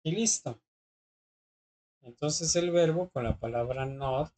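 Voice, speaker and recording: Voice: mid-range voice, takes it slowly, a little mellow. A teacher, patiently explaining English grammar in class and often checking that students follow. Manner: patient, often checks understanding with short questions.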